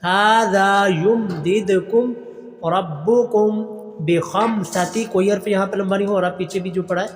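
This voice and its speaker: A man teaching Quran recitation online. He chants each verse slowly and drawn out, then explains the pronunciation rules quickly and more softly. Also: high voice, steady tone. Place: online class recording. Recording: long reverb with faint music.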